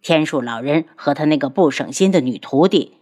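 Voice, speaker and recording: A woman's voice: low voice, lively intonation, normal speed. A woman voicing a playful, lovesick young man who speaks in a teasing, familiar way.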